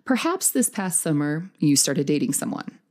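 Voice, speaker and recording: A woman's voice: deep voice, very animated, normal speed, darkish tone. A woman hosting a scripted dating advice podcast, speaking in an upbeat, tidy, encouraging way like an advice vlogger. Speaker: podcast host.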